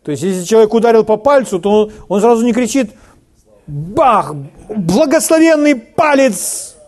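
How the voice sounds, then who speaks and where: A man preaching to a congregation, his voice sitting high with a soft, dark edge. He talks through his sermon conversationally and slips into quoted everyday speech to make his points. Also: quick pace. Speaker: pastor.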